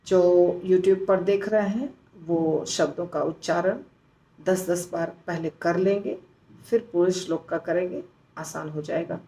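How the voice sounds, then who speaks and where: A woman teaching how to pronounce Sanskrit verse, splitting hard words into syllables and repeating them slowly. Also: fairly low pitch, fairly even intonation, dark tone, poor audio. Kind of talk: slow recitation lesson.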